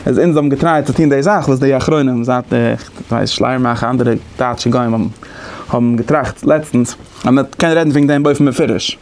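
A man's voice: medium pitch, steady tone, fast talker, hardly any pauses, darkish tone. A man giving a lecture, explaining conversationally and thinking aloud as he goes. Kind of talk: lecture on interpretation methods.

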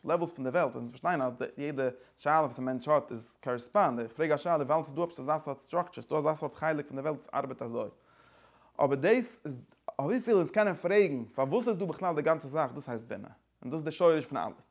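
Fast-talking gravelly man. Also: a little high. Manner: rapid, pressing explanation with repeated phrases and mixed languages. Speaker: teacher. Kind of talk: lecture explaining a text.

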